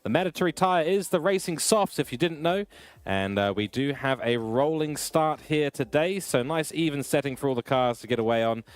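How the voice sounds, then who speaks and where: A young man giving live commentary on a simulated car race, energetic and building excitement, his voice getting worn. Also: medium pitch, smooth. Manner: energetic, rising with excitement at incidents. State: losing his voice. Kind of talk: live sim racing commentary.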